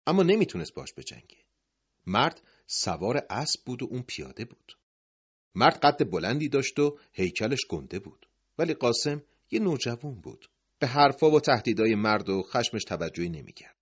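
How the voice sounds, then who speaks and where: A man narrating a dramatic story, dropping to hushed tones at the end of sentences. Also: mid-range voice, very animated, husky. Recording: dull lo-fi recording.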